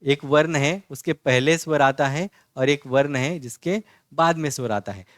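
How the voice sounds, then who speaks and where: A man's voice: on the high side, dry recording, studio quality. A man teaching a basic Marathi lesson who repeats "isn't it?" and answers his own questions. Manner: patient, repetitive, keeps asking "है ना?" and answering his own questions; spells out each letter slowly and distinctly. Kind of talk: online language lesson, explaining letters on a board.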